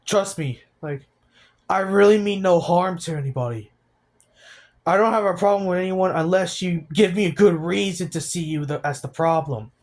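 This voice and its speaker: An eighteen-year-old man speaks in a fairly high voice in a personal vlog. His delivery is halting and heavy, and he often starts his sentences again.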